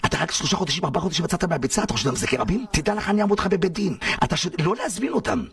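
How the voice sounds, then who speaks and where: A man giving an impassioned sermon, scolding, chanting and shouting. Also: high voice, expressive, vocal fry, breathy edge. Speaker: preacher. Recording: distant voice with faint music.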